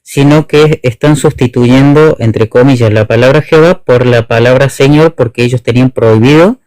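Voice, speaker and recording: A man's voice: mid-range voice, normal speed, darkish tone, no room sound, poor audio. A man, a guest Hebrew teacher, explaining carefully over an online call, with many restarts and rephrasings. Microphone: online video call.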